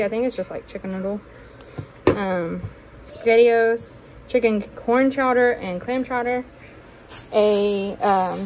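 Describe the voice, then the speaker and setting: A young woman chatting casually in her kitchen, showing what she bought, with fillers and quick self-corrections. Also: medium pitch, a little mellow, a little hiss or hum, rough recording. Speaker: vlogger. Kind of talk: casual grocery haul narration. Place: home kitchen, indoors.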